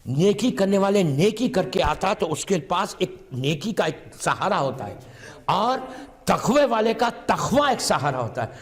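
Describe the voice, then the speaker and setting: A man's voice: high voice, very animated. A man preaching at a religious gathering, telling a story dramatically and acting out its dialogue, with English words mixed in. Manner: acts out dialogue in a rising, impassioned voice and sometimes shouts; mixes English words into his speech. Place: religious gathering hall with a live audience. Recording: long reverb of a large hall.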